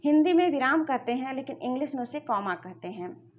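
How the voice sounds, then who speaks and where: A woman's voice: high-pitched, lively intonation, a little fast, phone-quality sound, a little hiss or hum. A woman teacher explaining grammar step by step to her students in a video lesson.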